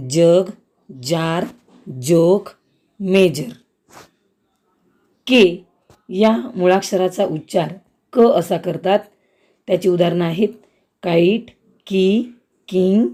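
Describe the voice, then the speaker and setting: A woman teacher giving a school lesson on letter sounds, slow, careful and word by word. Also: on the low side, mellow.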